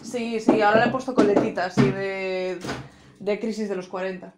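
A woman's voice: medium pitch, fairly even intonation, normal speed, a loud crowd. A woman from Spain with a Spain Spanish accent co-hosting a podcast, chatting casually, joking, swearing freely and acting out scenes. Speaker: podcast co-host. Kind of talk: casual chat.

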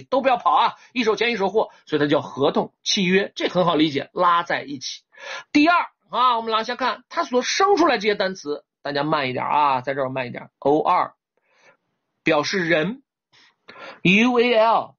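Male teacher with a lilt, husky, animated, coaxing online lecture on a dull lo-fi recording. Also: high-pitched. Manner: lively and coaxing, often checks if students follow. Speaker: English vocabulary teacher.

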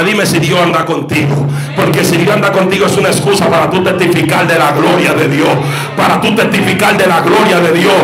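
A male preacher giving a sermon with a personal testimony, shifting between hushed storytelling and fervent shouting. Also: high voice. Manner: fervent, rising to shouting exhortation. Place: church hall with congregation. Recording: echoey church hall with congregation.

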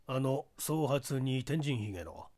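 A man's voice: medium pitch, lively intonation, measured pace, darkish tone, lightly acted. A man voicing a portly, self-important older police chief who drawls in Kyushu dialect. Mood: boastful.

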